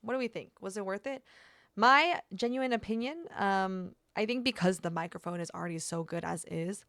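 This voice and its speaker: A woman's voice: medium pitch, moderate pace, creaky, fairly bright tone, no echo. A chatty young woman streamer talks through a casual gear review, upbeat and full of little fillers. Her voice sits in a mid range, dry and close on a desk microphone.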